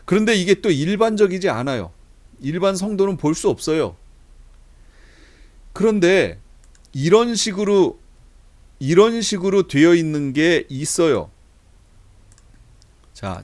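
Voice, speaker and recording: A pastor teaching a Bible class gives a lecture on Bible translations, reading verses aloud slowly. His voice is a little high with a darkish tone, and his manner is conversational.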